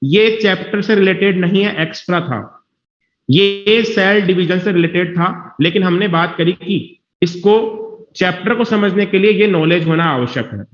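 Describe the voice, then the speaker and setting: A biology teacher lectures his class in a high voice at a moderate pace, reassuring students, repeating himself, and checking that they follow. The classroom recording is dull and echoey.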